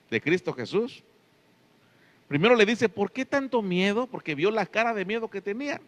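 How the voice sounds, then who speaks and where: Preaching a Sunday sermon, a pastor with a high-pitched, fairly bright voice speaks emphatically. He draws out key words and keeps checking with listeners by asking "right?".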